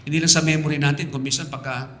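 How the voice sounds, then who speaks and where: A Filipino man preaching a sermon from the pulpit, mixing Tagalog and English and building to loud, passionate appeals. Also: a little high, flat delivery, fast, slight background noise. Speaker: pastor. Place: church sanctuary. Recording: echoey church hall, slightly distant.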